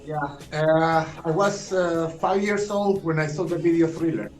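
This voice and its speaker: A Chilean man with a Spanish-speaking background talks through an interview in unhurried, halting English, restarting phrases and asking if he's understood. His voice sits a little high for a man, and soft music plays underneath. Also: rough recording. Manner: halting, repeats words, asks "you understand?". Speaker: guest, [name] tribute performer. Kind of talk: interview over a call, in second-language English.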